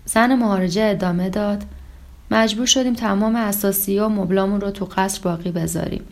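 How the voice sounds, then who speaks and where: A woman narrating a translated story in a calm, even reading voice, lightly voicing the dialogue. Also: mid-range voice. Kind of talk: scripted audiobook narration.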